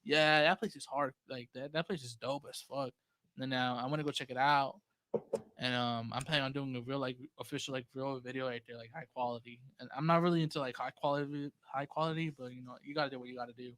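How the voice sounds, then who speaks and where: A man's voice: medium pitch, flat delivery, fast, fairly bright tone, rough recording. A young man from Oceanside, California, guesting on a podcast. He chats casually in a rambling, laid-back way, with lots of fillers and swearing. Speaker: guest musician. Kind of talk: casual chat.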